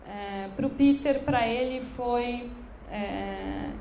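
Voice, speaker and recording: Here a curator from São gives a public lecture in a room inside an occupied building, her voice a little high, very slow, gravelly and mellow. Her delivery is halting, full of restarts and fillers. The room echoes and carries faint background noise.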